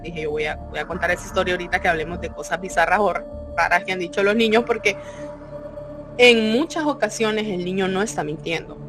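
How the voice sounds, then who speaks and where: A woman, co-hosting a podcast and telling a story with lively, acted-out voices. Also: medium pitch. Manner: animated, acts out quoted voices. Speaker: podcast co-host. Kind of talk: casual storytelling.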